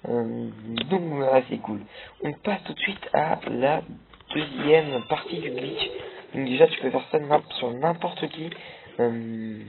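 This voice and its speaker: A man's voice: medium pitch, slow pace, vocal fry, crowd noise. A young man giving casual, rambling commentary over his own gameplay, with many fillers and restarts. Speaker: gameplay video creator. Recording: tinny lo-fi capture with loud game music. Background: game music.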